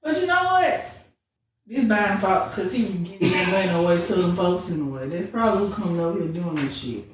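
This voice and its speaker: A woman co-hosting a podcast, ranting loudly and casually with plenty of profanity. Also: lowish voice, a little fast, recorded from a distance. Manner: loud, animated ranting with profanity. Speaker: podcast co-host. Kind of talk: casual chat. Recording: echoey room, off-mic, light noise.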